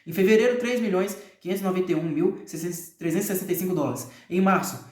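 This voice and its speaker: Male reader with a Brazilian accent and a high-set voice. Casual, hesitant delivery of long figures, with crude asides. Echoey room sound. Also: quick pace, a little mellow. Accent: Brazilian Portuguese. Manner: reads long figures aloud with frequent hesitations and offhand, profane asides. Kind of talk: casual reading aloud of a nonfiction book.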